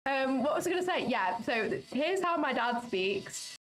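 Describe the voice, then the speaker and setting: Giggly woman, fairly high voice. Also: big pitch swings, normal speed, rough recording. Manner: giggly, swears, chatty. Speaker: livestream host and futures trader. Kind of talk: casual chat on a trading livestream.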